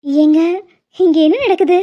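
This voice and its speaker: A woman voicing a lively, bossy young woman in an animated series, chiding and scolding her family. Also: extremely high pitch, measured pace, highs cut off. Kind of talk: animated web series dubbing.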